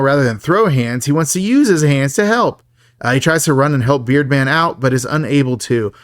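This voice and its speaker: A man's voice: mid-range voice, dry recording, clean studio sound. A man co-hosting a podcast, recapping a film in a chatty, joking way and laughing often. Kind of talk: casual chat.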